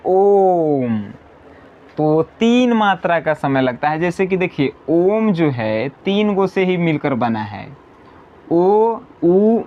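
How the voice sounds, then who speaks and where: A man teaching an exam-prep grammar lesson, slowly repeating definitions and answering his own questions. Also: on the high side, darkish tone, highs cut off.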